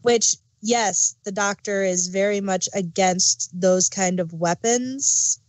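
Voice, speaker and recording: Speaking slowly in a mid-range voice with no room sound, this co-host of an audio drama review podcast keeps things casual. She thinks out loud and leans on fillers as she talks.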